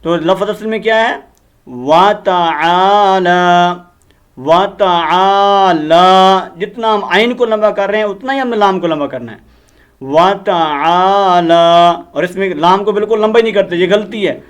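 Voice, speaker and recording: A man teaching prayer recitation, slowly drilling Arabic words and correcting common mistakes. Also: high-pitched. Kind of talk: Urdu recitation lesson.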